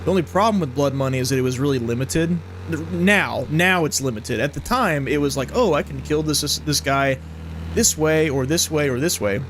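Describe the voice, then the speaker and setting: A man's voice: a little high, moderate pace, a bit bright, slight background noise. A young man casually commenting while streaming a game, rambling and joking. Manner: chatty, rambling, jokey. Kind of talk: casual live gameplay commentary.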